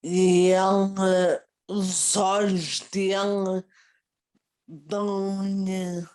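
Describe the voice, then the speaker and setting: A woman with a Porto accent speaking haltingly on a video call, restarting her words. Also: medium pitch, level tone, darkish tone. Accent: Porto Portuguese. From Portugal. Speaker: participant.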